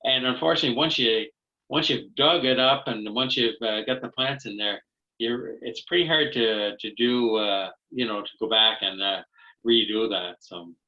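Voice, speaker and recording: A man giving a webinar talk over a video call, speaking haltingly with many fillers and restarts. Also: medium pitch. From Canada. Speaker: guest speaker. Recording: dull lo-fi video call audio.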